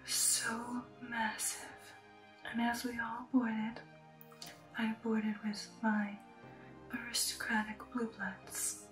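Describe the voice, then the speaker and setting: Here a woman plays a poised, sensual vampire noblewoman whispering the tale of her past in soft-spoken ASMR roleplay, hushed and reminiscing. The voice is breathy, fairly high and even, a bit bright, with little pitch movement, genteel poise and slow, sensual pauses. A distant mic captures it in a roomy echo, with music behind.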